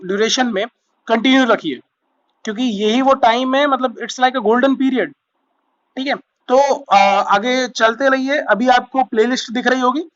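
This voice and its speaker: A young Indian man teaching English idioms in a casual online lesson, explaining in Hindi and reading English examples slowly. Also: very high voice, fairly bright tone. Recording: dull lo-fi sound.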